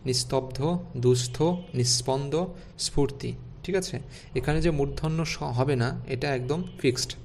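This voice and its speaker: Over a little hiss or hum, a man with a creaky, darkish, mid-range voice leads an online spelling class. He lays out the rules one step at a time, throwing rhetorical questions at the class.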